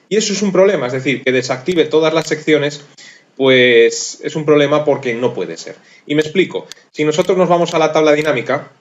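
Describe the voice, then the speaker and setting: A mid-range male voice, recorded with the highs cut off, narrates a screencast tutorial for a programming course. He proceeds methodically, thinking aloud, and is self-deprecating about his typing.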